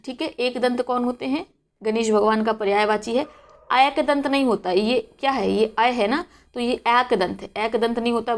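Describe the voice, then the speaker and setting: Woman drilling Hindi spellings aloud. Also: on the high side. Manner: repeats questions and drills words aloud. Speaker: Hindi exam-prep teacher. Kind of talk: spelling lesson for exam students.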